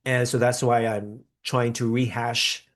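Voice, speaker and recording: Reacting live to a pageant and reading out viewer comments, this podcast host, born in the Philippines and raised in the US, speaks unhurriedly with a medium pitch, a bit bright but flat in delivery. His chatter rambles, broken by upbeat bursts.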